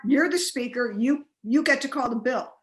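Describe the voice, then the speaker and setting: A woman interviewer putting questions in a live panel interview, halting and often restarting mid-sentence. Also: sits high. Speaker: interviewer, journalist.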